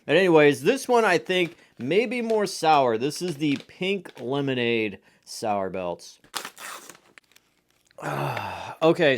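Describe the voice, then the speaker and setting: A man speaks at an unhurried, slow pace with a mid-range voice. He is eating sour candy while he talks, chatting casually to viewers as a reviewer and reacting to how tart it is. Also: medium pitch.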